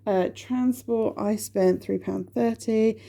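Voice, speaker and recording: Gravelly-voiced woman going over her budget. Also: medium pitch, fairly even intonation, slow pace, dark tone. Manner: chatty, talking through figures and correcting herself. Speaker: budgeting vlogger. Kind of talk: casual budget check-in.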